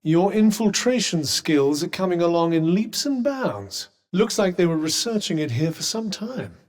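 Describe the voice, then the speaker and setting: Cuff, haughty echoing British game companion. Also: male voice, high voice, very animated, normal speed, a little mellow. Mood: wry, observant. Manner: dry, wry, condescending, formal diction. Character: sardonic, erudite, haughty sentient magical cuff companion. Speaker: video game companion character. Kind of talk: scripted video game dialogue. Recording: long echoing reverb.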